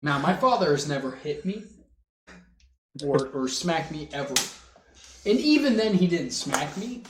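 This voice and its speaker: A man's voice: fairly high pitch, sing-song, a little slow, pauses often. A man hosting a podcast chat with friends, swearing a lot and joking crudely. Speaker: podcast host. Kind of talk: casual chat. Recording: echoey room with faint noise.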